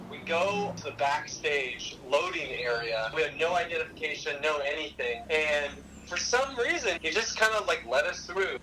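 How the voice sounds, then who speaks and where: A man in his thirties telling a long, animated story in casual chat, acting out other people's voices and swearing casually. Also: a little high, background noise.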